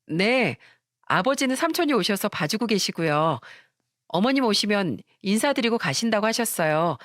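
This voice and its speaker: A woman's voice: dry recording, clean studio sound, natural voice. A woman voicing a sweet-talking, two-faced young daughter-in-law with a fawning, coaxing manner in a radio story. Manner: fawning, coaxing, shrill when cornered.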